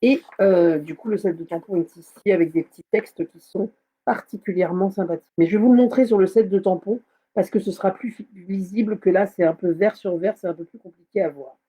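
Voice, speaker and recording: A woman hosts a casual live craft tutorial, chatting with lots of fillers and hesitations. Her mid-range voice is fairly quick, mellow and slightly rough, and the sound is a bit dull and lo-fi.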